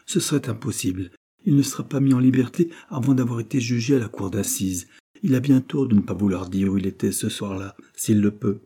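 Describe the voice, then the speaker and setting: Grave young man, gentle and steady, a male narrator doing him, mellow and husky. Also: medium pitch, brisk. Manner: calm, grave.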